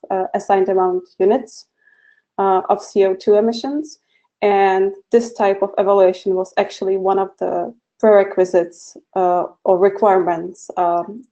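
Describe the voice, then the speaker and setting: Woman researcher, webinar talk: even and explanatory, dark tone, muffled online sound. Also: mid-range voice. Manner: measured, explanatory, hesitant. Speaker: webinar presenter, university researcher. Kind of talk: formal webinar presentation. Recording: dull lo-fi webinar audio.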